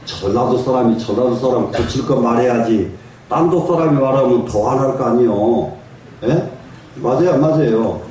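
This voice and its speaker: A man's voice: mid-range voice, moderate pace, a little mellow, slight background noise. An older man, a Buddhist monk, giving a folksy sermon and telling stories, often asking his listeners for a reply. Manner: folksy storytelling, asks the audience for replies and chuckles. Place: large echoing meditation hall. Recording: distant mic in a very echoey hall.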